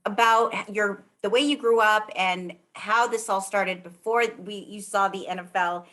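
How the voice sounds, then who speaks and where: A woman from Los Angeles co-hosting a talk show, asking questions in an eager, animated way. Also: medium pitch, a little slow. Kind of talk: interview questions.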